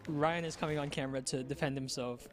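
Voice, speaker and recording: Young male co-host, handheld mic, slightly high voice, dry and deadpan. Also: quick pace, faint music behind. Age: young adult. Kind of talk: casual chat on a student TV show. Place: college TV studio. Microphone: handheld microphone.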